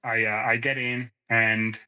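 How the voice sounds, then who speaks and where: A man's voice: mid-range voice, level tone, measured pace, smooth, highs cut off. A man in his thirties, co-hosting a podcast in casual conversation, who tells rambling stories, sidetracks and laughs often. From moved to the United States ten years ago. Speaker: podcast co-host.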